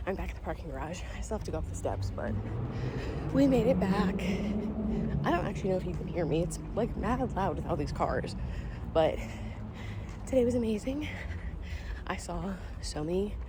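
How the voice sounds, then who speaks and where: Woman, young adult, casual vlog chat, gushing, filler-heavy, slightly low pitch. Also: big pitch swings, normal speed, long pauses, very noisy. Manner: chatty and gushing, lots of "like" fillers. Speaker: vlogger.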